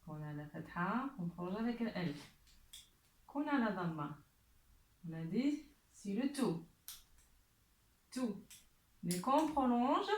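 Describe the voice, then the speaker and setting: A woman teaching letters and sounds at a slow, patient pace, stretching each example word so learners can follow. Her voice sits fairly high, and the room gives back a noticeable echo. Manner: slow, drawn-out modeling of words. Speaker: Arabic teacher. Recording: echoey room.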